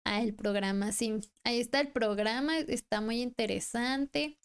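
Streaming a game, this young Mexican-accented woman keeps up a chatty, rambling flow punctuated by frequent laughter. Her pitch sits on the high side, clear and resonant, at a normal speed, with faint music behind her.

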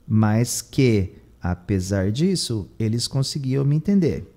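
A man's voice: medium pitch, expressive, slow pace, warm tone. A man with a Brazilian Portuguese accent teaching English, translating phrases line by line and repeating words for emphasis. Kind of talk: bilingual lesson explaining English.

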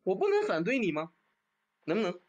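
Combative male caller with a lively voice. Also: high voice, a little fast, lo-fi sound. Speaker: caller on a livestream. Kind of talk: heated argument over a voice link.

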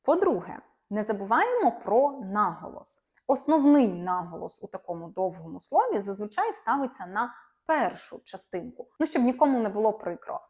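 Animated woman teaching German grammar. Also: mid-range voice, moderate pace. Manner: lively, emphatic explaining with playful asides. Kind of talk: explaining grammar to viewers.

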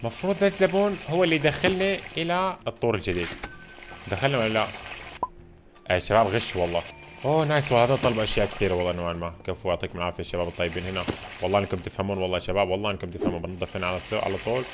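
A man giving excitable, chatty let's-play commentary and constantly calling out to his viewers. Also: on the low side, very fast. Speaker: gaming channel host. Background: game background music.

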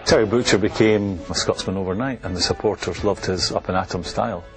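A man's voice: low voice, brisk, over music, low-quality recording. An older man, a former football manager, recalling events in an interview, firm and emphatic. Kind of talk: interview recollection.

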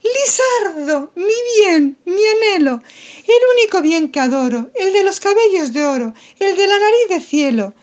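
A woman's voice: very high voice, lively intonation, moderate pace, darkish tone, voice pushed up. A woman voicing a lovesick young noblewoman who declaims her love in a theatrical, gushing way. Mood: adoring. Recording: music playing behind the voice.

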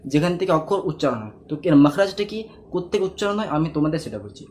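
A man's voice: on the high side, big pitch swings, fast talker, a little mellow, a little hiss or hum. A man teaching Quran letter pronunciation, patiently repeating each sound and asking learners if they understand. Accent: Bengali. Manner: patient, repeats sounds many times for students; addresses learners directly, asks check questions. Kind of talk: step-by-step pronunciation lesson.

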